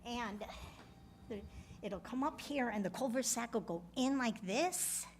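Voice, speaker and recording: A woman's voice: a little high, animated, measured pace. A woman giving public comment at a meeting as a resident, asking practical questions. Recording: faint hum and background noise.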